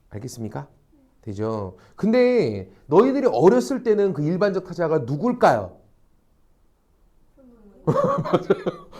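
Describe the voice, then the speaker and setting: A man teaching a high school social studies class, animated, constantly checking understanding with rhetorical questions and acting out quoted reactions with crude slang. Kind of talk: lecture to high school students.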